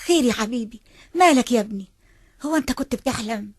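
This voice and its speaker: A woman playing a worried mother with an Egyptian accent, speaking in a gentle, comforting way. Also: a little high, lively intonation, fast talker, no room sound, studio quality. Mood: tender.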